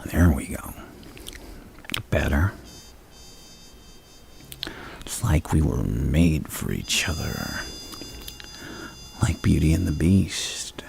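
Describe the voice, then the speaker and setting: The Joker, very deep gravelly villain. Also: male voice, animated, a little mellow, full character voice. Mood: creepy, flirtatious. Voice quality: gravelly, breathy, often dropping to a whisper. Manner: halting, theatrical, menacingly courteous. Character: the Joker, deranged lovestruck male supervillain on a date. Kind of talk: ASMR villain roleplay.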